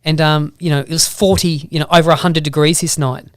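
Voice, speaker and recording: A man's voice: a little high, fairly even intonation, a little fast, no echo, clean studio sound. A man with a broad Australian accent telling rambling anecdotes casually in an interview. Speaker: podcast guest, motorbike vlogger.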